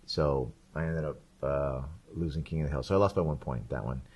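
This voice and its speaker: Low-voiced male podcast co-host, rambling animated storyteller, casual. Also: fairly quick, breathy edge. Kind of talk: casual chat.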